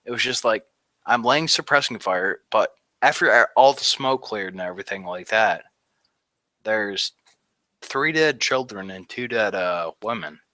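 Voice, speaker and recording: A man in his thirties, an Army veteran guest, tells his war story in a casual interview, rambling along with lots of "like" fillers and laughing at the grim moments. His voice is lowish, bright and forceful, with lively intonation and a slightly slow pace, recorded with no room sound.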